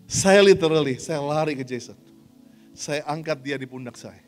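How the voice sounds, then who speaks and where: A male pastor telling a story in a sermon, animated, swinging between shouts and hushed lines and mixing English phrases into his speech. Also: on the high side, moderate pace, faint music behind.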